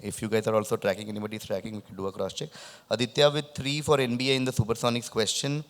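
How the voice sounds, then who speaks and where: A man's voice: lowish voice, level tone, racing. Lisping man hosting a quiz, echoey sound. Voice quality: lisp with whistling s. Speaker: quiz host. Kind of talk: live quiz hosting, reading questions and chatting with contestants. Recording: echoey, long room reverb.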